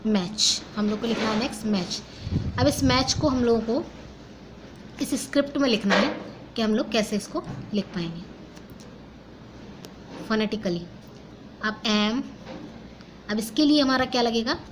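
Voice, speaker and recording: A young woman with an Indian English accent teaches phonetics step by step, asking and answering her own questions while mixing Hindi and English. Her fairly high voice has lively intonation, and she speaks unhurriedly with long pauses. Background noise is present.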